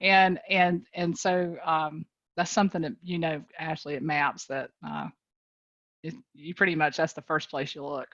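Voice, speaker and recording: Woman, North Carolina accent, low pitch, folksy and animated, video call, dry and slightly muffled sound. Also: normal speed, no room sound. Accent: Southern US, North Carolina. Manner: folksy, animated, laughs often. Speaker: guest speaker, business leader. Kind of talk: casual motivational chat on a call.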